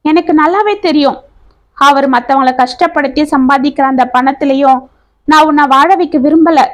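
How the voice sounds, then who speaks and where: Woman doing earnest young man, devoted and determined, high voice. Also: steady tone, normal speed, close to an everyday voice.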